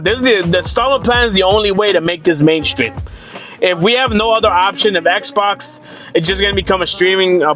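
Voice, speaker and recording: A man's voice: high-pitched, fairly bright tone. A young man ranting casually about gaming prices, profane, rambling and sarcastic. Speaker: gaming commentator. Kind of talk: casual rant to camera.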